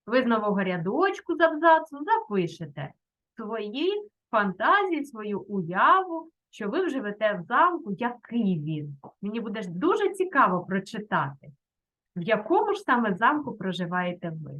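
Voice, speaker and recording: A middle-aged woman teaching children in a video lesson, speaking gently and encouragingly. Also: mid-range voice, sing-song, a little fast, lo-fi sound. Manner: gentle and encouraging, uses diminutives. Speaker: primary school teacher.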